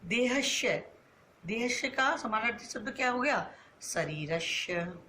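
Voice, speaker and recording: Bright-voiced woman teaching a class. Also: fairly high pitch, lively intonation, slight background noise. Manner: asks questions and answers them herself, drawn-out words. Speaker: school Sanskrit teacher. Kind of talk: online class lesson.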